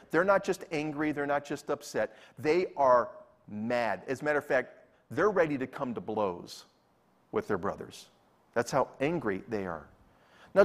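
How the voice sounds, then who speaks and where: Guy pastor giving a sermon, acts out the quotes, repeats stuff for punch. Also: on the high side. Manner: animated storytelling, acts out quoted lines; repeats key phrases for emphasis.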